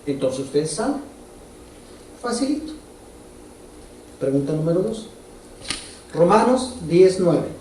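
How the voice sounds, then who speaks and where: A man's voice: a little high, expressive, measured pace, dark tone, slight background noise. A man preaching a sermon as pastor, in a conversational way, putting direct questions to the congregation. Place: church hall. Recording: roomy echo from far off.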